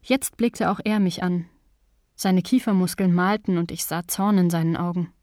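A woman reading a novel aloud in the first person, calm and measured. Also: fairly low pitch, no echo, clean studio sound. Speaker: audiobook narrator. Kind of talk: scripted first-person narration.

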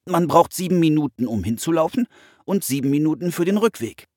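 A man's voice: on the high side, expressive, a little mellow, no echo, studio quality, voice pushed up. A man voicing a sensible, precise boy who explains things carefully in a storybook reading. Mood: earnest. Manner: measured and explanatory.

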